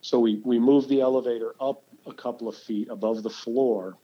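A man's voice: medium pitch, fairly even intonation, moderate pace, highs cut off. An older man, telling stories in a casual interview, rambling and restarting his sentences often. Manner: rambling, with many restarts and fillers. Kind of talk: casual storytelling.

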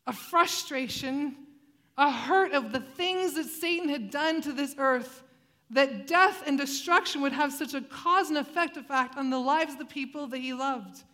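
Woman pastor, sermon delivery, slightly high voice, expressive swings from loud to hushed. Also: normal speed. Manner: expressive, dramatic rises and hushed drops.

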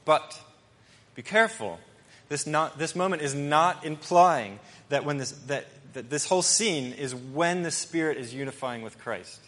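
A male pastor preaching an earnest, emphatic sermon with pauses and restarts. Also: a little high, animated, fairly bright tone. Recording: long hall reverb.

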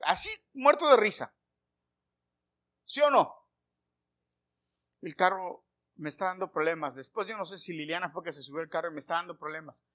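A middle-aged pastor preaches with homely stories and rapid questions to the congregation, swinging between loud calls and quiet asides. His voice sits high and animated at normal speed, with long pauses.

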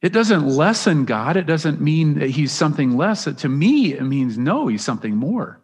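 A man's voice: on the high side, sing-song, normal speed, husky. A man preaching a sermon as pastor, earnest and emphatic, often restarting his phrases. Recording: long reverb of a large hall.

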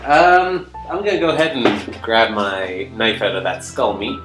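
A man's voice: lowish voice, unhurried, echoey room, over music. A man playing a tabletop game, joking and boasting in character as a thief, laughing often. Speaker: player.

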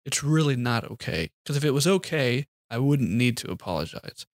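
A man co-hosting a podcast, telling a personal story about his son in a lively way and acting out the quotes. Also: medium pitch, moderate pace, dry recording, clean studio sound. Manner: animated storyteller, acts out quotes. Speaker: podcast co-host. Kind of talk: casual storytelling chat.

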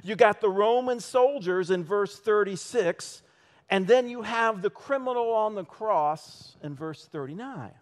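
Animated slow-preaching man. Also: high-pitched. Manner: animated, rhetorical questions, acts out short voices. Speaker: church elder preaching. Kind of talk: sermon. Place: church.

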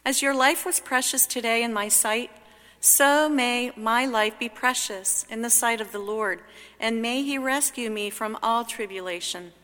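A woman reading scripture solemnly at a church service, with measured, deliberate phrasing, in a cathedral-like echo. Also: fairly high pitch, sharp tone. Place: large reverberant church. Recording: cathedral-like echo, long reverb.

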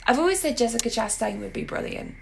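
A woman with a hoarse, croaky voice hosting a casual film and TV podcast, animated and jokey, with emphatic exclamations. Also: a little high, fast, a little hiss or hum. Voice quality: hoarse, croaky voice with gravelly creak. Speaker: podcast host.

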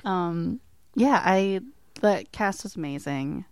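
A woman in casual conversation, chatty and quick to laugh, with lots of "like" and "um.". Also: lowish voice, expressive, a little mellow, clear, resonant tone, no room sound, clean studio sound. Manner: chatty, laughs often, filler-heavy. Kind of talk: casual chat. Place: American.

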